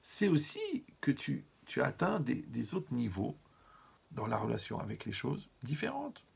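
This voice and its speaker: A man giving a lively Torah lesson, talking straight to his listeners and using funny everyday examples. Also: mid-range voice, measured pace, vocal fry, husky. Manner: lively, talks to listeners directly, humorous examples. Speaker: rabbi teaching Torah.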